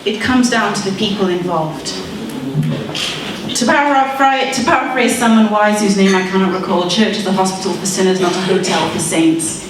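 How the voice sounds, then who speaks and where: A woman's voice: mid-range voice, normal speed, distant mic, background noise. A woman in her thirties, from Malawi and raised in Zimbabwe, giving an earnest, persuasive debate speech with wry asides. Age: 30s. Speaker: speaker in a debate. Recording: very echoey hall, speaker away from the mic.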